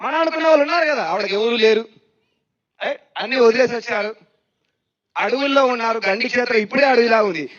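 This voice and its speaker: A man giving a spiritual discourse on meditation, lively and questioning, who repeats phrases for emphasis. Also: extremely high pitch, quick pace, long pauses. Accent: Telugu. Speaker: spiritual speaker. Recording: dull lo-fi sound.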